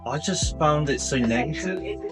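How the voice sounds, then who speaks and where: Chatty young man, loud guitar music. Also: on the high side, a little slow. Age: 20s. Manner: chatty, laughs easily. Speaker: host. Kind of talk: casual interview. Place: indoor climbing centre.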